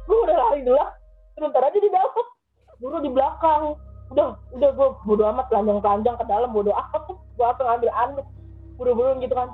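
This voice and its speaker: Animated woman telling a ghost story. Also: high-pitched, quick pace, slightly rough. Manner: animated, acts out voices in her story. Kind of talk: casual storytelling. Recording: tinny phone-like sound with faint music.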